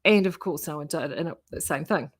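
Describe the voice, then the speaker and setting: Speaking briskly in a low voice, a knitting vlogger and yarn shop host with a broad New Zealand accent chats casually with her live viewers. Her talk rambles, and she keeps cutting herself off.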